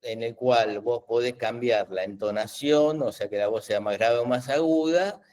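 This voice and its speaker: A man's voice: medium pitch, moderate pace, a little mellow. A middle-aged man, hosting a live webinar Q&A and explaining patiently with many fillers and restarts. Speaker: webinar host explaining AI tools.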